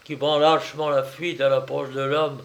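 A man reading an arrogant, scornful middle-aged admiral with a cold, stern, forceful delivery in an audiobook. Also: medium pitch, level tone, moderate pace, natural voice.

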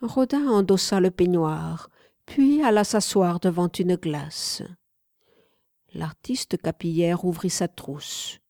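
Audiobook reader, woman, unhurried and measured, warm low voice, dry close recording. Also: no room sound. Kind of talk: scripted narration.

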